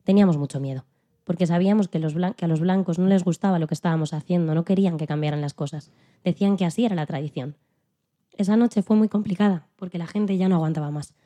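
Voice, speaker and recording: A woman plays Rosa Parks as a podcast guest in a dramatized interview, recalling the bus boycott as a dignified elderly activist in scripted first-person storytelling. Her lowish, natural voice is very mellow yet fast-talking, and she sounds earnest and resolute.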